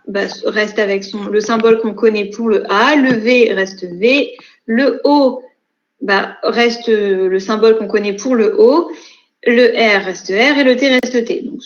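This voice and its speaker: Woman lecturing step by step, echoey lo-fi. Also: a little high. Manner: methodical, step-by-step explaining with frequent fillers. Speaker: university lecturer. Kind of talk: online lecture. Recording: echoey, dull lo-fi recording.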